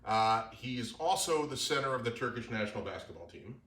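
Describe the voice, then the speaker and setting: A man's voice: mid-range voice, animated, brisk, sharp tone, echoey room. A man hosting a casual bar show, joking and upbeat as he chats with a guest. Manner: jokey, upbeat, loose. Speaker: host. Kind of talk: casual chat.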